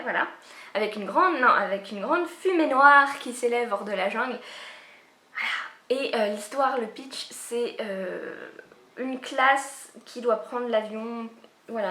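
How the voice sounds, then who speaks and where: A woman's voice: fairly high pitch, bright, forceful tone. A woman book vlogger chatting casually about upcoming releases, rambling with many fillers and restarts. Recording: echoey room.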